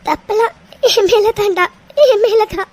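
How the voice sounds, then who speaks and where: A woman's voice: very high voice, unhurried, a little hiss or hum. A woman voicing a heartbroken young woman in a cartoon, crying and blaming herself in a tearful, sobbing voice. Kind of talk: cartoon voice acting.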